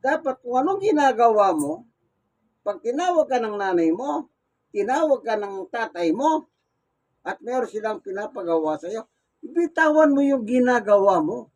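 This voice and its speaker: Male preacher, unusually high voice, homely storytelling sermon style. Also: very animated, moderate pace, darkish tone, poor audio. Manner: folksy, acts out everyday dialogue while preaching. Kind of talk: Gospel sermon.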